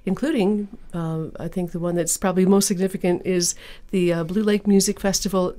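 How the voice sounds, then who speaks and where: Woman, public radio host, classical music station, dark soft-edged tone, lowish pitch, measured conversational delivery. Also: steady tone. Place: radio studio.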